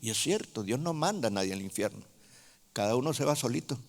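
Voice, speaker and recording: A man preaching a sermon in a Honduran Spanish accent, speaking slowly and emphatically, with sudden loud rises and soft drops. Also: medium pitch, lively intonation. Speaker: apostle preaching. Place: large church hall. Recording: reverberant church hall.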